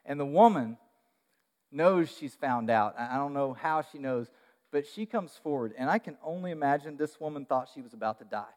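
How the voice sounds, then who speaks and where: A high-pitched male preacher tells the story animatedly in a sermon, often stopping for fillers and restarts. His voice rings with a long reverb, as in a large church hall. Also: animated, moderate pace, darkish tone.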